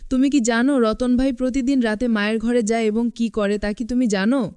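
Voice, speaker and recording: A woman's voice: on the high side, fairly even intonation, fairly quick, dark tone, clean tone, no echo, close to an everyday voice. A woman reading as a naive little boy. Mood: pleading. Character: naive young boy, the narrator's little brother.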